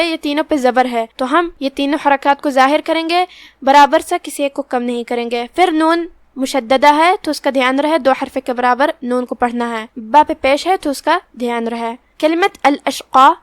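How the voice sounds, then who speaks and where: A woman teaching Quran recitation rules step by step, patiently explaining each letter and then chanting the verses slowly with drawn-out vowels. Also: high-pitched, dry recording. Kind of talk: tajweed lesson with slow recitation.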